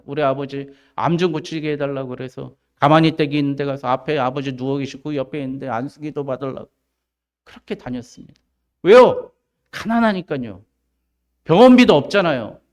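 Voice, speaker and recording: A man's voice: medium pitch, fairly even intonation, quick pace, smooth. A man with a Jeolla accent preaching a sermon as pastor, emphatic and full of rhetorical questions. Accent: Jeolla Korean. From South Jeolla, Korea.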